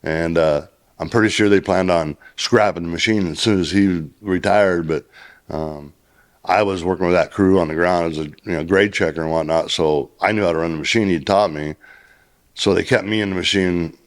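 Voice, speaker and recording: Deep-voiced man telling a profane work story. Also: normal speed. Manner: profane, laughing, rambling with restarts. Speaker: former railroad track worker. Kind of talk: casual storytelling.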